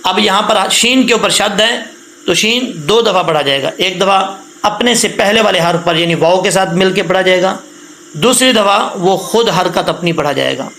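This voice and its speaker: High-voiced man teaching Quran recitation, echoey. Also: pushed and bright, slight background noise. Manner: drawn-out, slow chanted recitation of words; patient explaining with frequent check-ins. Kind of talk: step-by-step recitation lesson.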